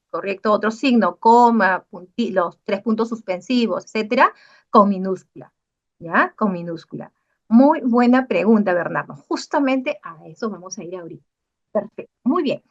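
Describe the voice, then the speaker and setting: A woman's voice: a little high, muffled recording. A woman lecturer giving an online class, explaining step by step and checking in with the students through frequent tag questions.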